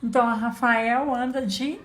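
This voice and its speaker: A woman's voice: on the high side, steady tone, normal speed, fairly bright tone. A woman teacher giving a patient children's lesson, spelling out letters and sounds. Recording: echoey room.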